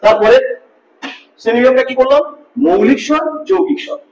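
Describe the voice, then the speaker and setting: A man's voice: very high-pitched, fairly quick, a little mellow, slight background noise. A male teacher giving a grammar lesson, patiently repeating each point and asking his students questions. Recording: echoey room, distant mic, dull lo-fi.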